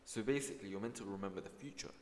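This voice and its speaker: A man's voice: on the low side, racing, a little hiss or hum. A teenage boy chatting casually as a student podcast co-host, rambling and playful, with frequent restarts. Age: teens. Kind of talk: casual chat. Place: school room. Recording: echoey room with long reverb.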